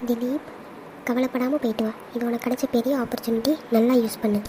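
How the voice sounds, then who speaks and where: A woman's voice: on the high side, steady tone, quick pace, background noise, natural voice. A woman voicing the young women and mother of a family in a cartoon drama, affectionate and teasing. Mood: caring.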